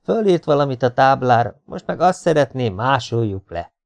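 A man's voice: medium pitch, sing-song, creaky, a little mellow. A man putting on the voice of a sarcastic teenage student who mocks the teacher with fake eagerness.

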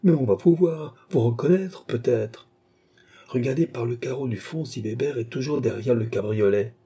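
A man's voice: medium pitch, moderate pace, warm tone, breathy edge. A man voicing a brave, commanding noblewoman who speaks with raised, urgent outrage in a storybook reading.

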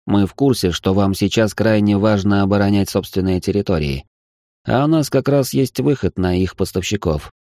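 A man's voice: fairly low pitch, normal speed, mellow, no room sound, studio quality, close to an everyday voice. A man voicing a polite male negotiator making a persuasive offer in an audiobook reading. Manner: courteous, persuasive.

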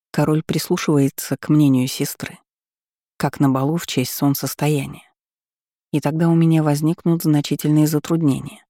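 Woman audiobook narrator, calm and even, mellow tone, dry close sound. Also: low-pitched, no echo. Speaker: audiobook reader. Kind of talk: scripted first-person narration.

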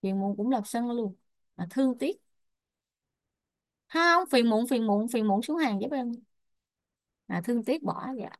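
Một người phụ nữ đang giảng bài, đọc chậm từng thuật ngữ, đánh vần rồi giải nghĩa như cho học viên chép. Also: female voice, a little high, expressive, no room sound, studio quality. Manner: spells out Pali terms and glosses them slowly. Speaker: Buddhist Abhidhamma teacher. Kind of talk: slow dictation-style teaching.

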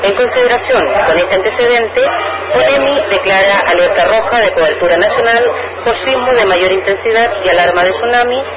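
A Chilean man calmly reading an official emergency bulletin over a radio transmission, in an even, formal manner like a ship computer. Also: sits high, a little fast. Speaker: emergency network dispatcher. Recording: muffled radio feed with loud crowd noise and hiss.

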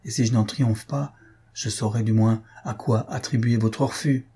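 A man's voice: medium pitch, steady tone, moderate pace, mellow, slightly rough. Man playing an insistent anxious fiancé.

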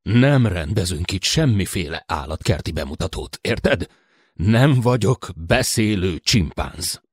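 Férfi hangján büszke, sértődékeny szőrös törzsi lény, mély, száraz hang. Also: male voice, low-pitched, animated, husky, no echo, studio quality. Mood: indignant. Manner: touchy, sharp, hissing.

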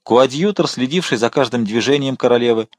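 A man narrating a historical novel in an audiobook with steady, expressive storytelling. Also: mid-range voice, fairly quick, no echo, clean studio sound. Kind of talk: scripted narration.

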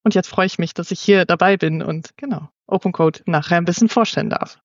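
Calm woman. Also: lowish voice, a little fast, no echo, dull audio. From Netherlands. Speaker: community manager, podcast guest. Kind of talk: casual interview talk.

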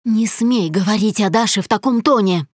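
A woman's voice: medium pitch, normal speed, no echo, studio quality, close to an everyday voice. A woman voicing a young wife who answers her husband tensely and defiantly. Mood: pleading.

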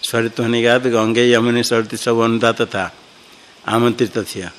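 A man slowly explains Sanskrit grammar in a classroom, thinking aloud and often pausing to repeat and correct himself. His voice is medium-pitched with a level tone.

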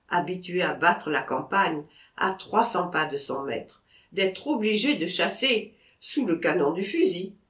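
A woman reads a storybook aloud at an unhurried pace. Her pitch rises and falls with lively animation as she voices the characters' sudden exclamations. The recording has a roomy echo. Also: distant mic. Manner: unhurried, acts out the characters' shouted lines. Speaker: audiobook narrator. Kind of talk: scripted narration.

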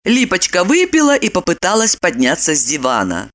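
A woman reading an audiobook, narrating with expressive, ironic storytelling. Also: lowish voice, normal speed. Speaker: audiobook reader. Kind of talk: scripted narration.

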